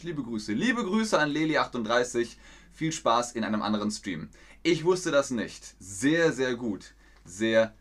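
Slow-speaking man teaching German on stream. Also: medium pitch, a bit bright. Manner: slow, deliberate, repeats sentences for learners. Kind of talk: live stream language lesson, reading chat aloud.

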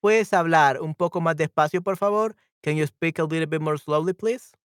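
A man hosting a live-stream language lesson, cheerful and quick to laugh, repeating phrases slowly and switching between two languages. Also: on the high side, clear, resonant tone, no echo, clean studio sound.

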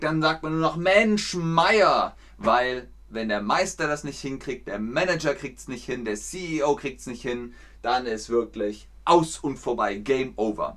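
A German teacher runs a relaxed, casual live lesson on everyday expressions. Speaking very slowly and deliberately at a middle pitch, he acts out each exclamation with playful emphasis.

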